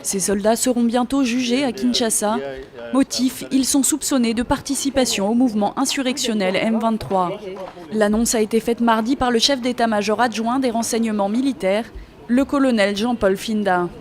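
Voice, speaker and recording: A woman narrating a scripted news report in a measured, even way. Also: on the high side, crowd noise.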